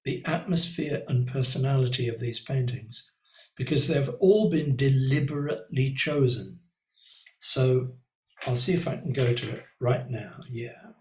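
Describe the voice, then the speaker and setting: A man's voice: medium pitch, unhurried, a little mellow, echoey room, low-quality recording. A male art teacher leading a live online painting class, talking in a reflective, conversational way with many ums and little asides. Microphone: computer mic on a video call.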